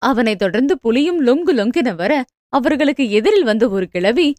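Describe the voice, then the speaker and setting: A woman's voice: fairly high pitch, moderate pace, no echo. Woman narrating a romance audiobook. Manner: smooth, expressive storytelling. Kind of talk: scripted narration.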